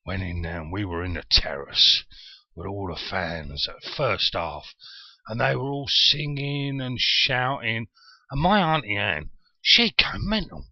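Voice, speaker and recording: Bloke in his 40s w a southern english accent, low voice, chatty and self-deprecating, dull dry lo-fi sound. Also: measured pace, no echo. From Yorkshire, England. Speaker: vlogger. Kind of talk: casual personal storytelling.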